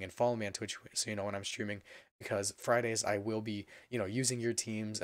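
A young man with a hoarse voice that is giving out from being sick, giving a casual, rambling update as a gaming channel host. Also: fairly low pitch, no echo. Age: young adult. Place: indoor room at a computer.

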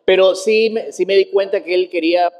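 Hombre con acento guayaco, voz aguda, invitado humorista, habla animada, divagante, entre risas. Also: male voice, high-pitched, fairly quick. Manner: animated, rambling, laughs while talking. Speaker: guest comedian. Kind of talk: casual interview chat.

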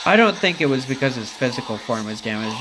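A man's voice: mid-range voice, lively intonation, fast, low-quality recording. A man chatting on a game stream, rambling and cursing as he answers his chat. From United States. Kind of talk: casual live-stream chat while gaming. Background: music.

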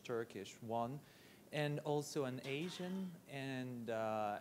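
A young male undergraduate asks a panel a carefully worded question. His phrasing is measured and formal, and his voice sits at a middle pitch. Faint background noise hangs under his voice. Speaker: undergraduate student asking a question.

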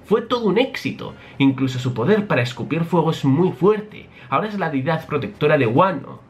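A man's voice: fairly high pitch, big pitch swings, brisk, pitched above the performer's own voice. A man voicing an eccentric male genius scientist who explains his ideas at length. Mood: lecturing. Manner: explanatory, lecturing.

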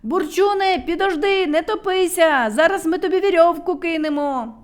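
A woman voicing a boastful, careless little boy shorty, shouting loud and cheeky. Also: high-pitched, big pitch swings, normal speed.

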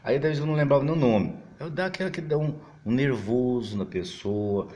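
Animated, chatty man. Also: fairly quick. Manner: animated, big pitch swings, mimics other voices; chatty, frequent fillers and restarts. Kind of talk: casual monologue to camera.

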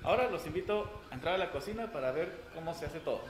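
A man speaking as a sign language interpreter in a calm, measured way. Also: a little high. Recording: echoey room with music underneath.

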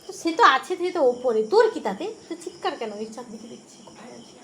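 Woman talking to her dog, scolding, coaxing, repetitive, slightly high voice, faint noise. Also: very animated, fast talker. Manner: scolding and coaxing, repeats herself. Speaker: dog owner filming her pet. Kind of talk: casual talk to a dog.

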